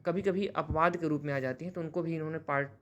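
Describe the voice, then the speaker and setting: A man's voice: a little high, fairly even intonation, fast talker, fairly bright tone. A man teaching a grammar lesson who explains patiently, often restates terms, and corrects himself mid-sentence. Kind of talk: classroom-style grammar lesson.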